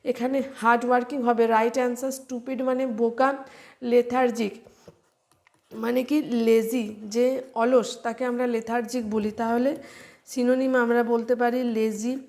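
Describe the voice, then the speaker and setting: A woman teacher leads an online vocabulary lesson in a fairly high voice that stays flat. She talks slowly, spells words out letter by letter and fills her pauses with a soft "ah".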